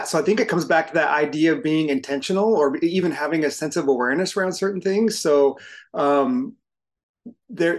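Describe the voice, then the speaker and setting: A man in his fifties, a veteran firefighter appearing as a podcast guest, speaking thoughtfully and earnestly with occasional restarts. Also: on the high side. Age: 50s. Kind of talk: reflective conversation.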